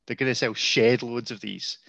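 Guy hosting a chat, teasing, crisp bright voice, kinda muffled line. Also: mid-range voice, steady tone, normal speed, no room sound. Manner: teasing, leads the conversation. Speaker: podcast host. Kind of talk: casual group chat.

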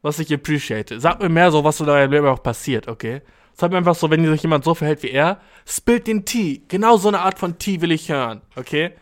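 A man hosting a podcast, reading out and reacting to listener mail in casual, slangy chat full of English words and swearing. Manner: animated, jumps into high exclamations.

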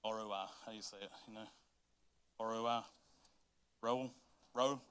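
Reading scripture in a folksy, informal sermon, this Southern US preacher talks straight to his congregation, moving from emphatic to hushed. His voice is lowish, clean and steady in tone, at a moderate pace.

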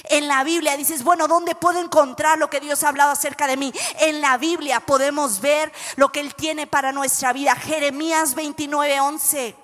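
Woman preacher, high voice, animated and joking, reverberant hall. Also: moderate pace, few pauses. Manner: animated, playful, acts out Bible scenes and jokes with the audience. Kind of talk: sermon.

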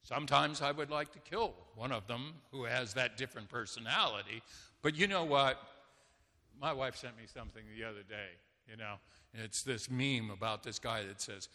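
A man's voice: mid-range voice, normal speed, pushed and bright. An older man preaching a sermon as pastor, talking conversationally with homely stories. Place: church sanctuary. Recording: long church reverb.

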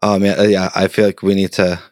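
A man's voice: low voice, little pitch movement, brisk, darkish tone, no echo, clean studio sound. A man with a Boston accent hosting a podcast interview in a chatty, self-deprecating way over a video call. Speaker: podcast host. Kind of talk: casual interview.

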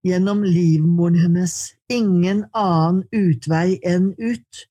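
A woman reading her poetry aloud in slow, measured lines, then answering questions in conversation. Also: on the low side, fairly even intonation, mellow, slightly rough. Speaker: poet and guest.

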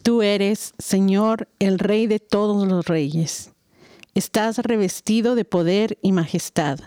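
A woman reciting a psalm slowly and solemnly. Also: mid-range voice, dark tone, no room sound. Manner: slow and solemn. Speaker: psalm reader.

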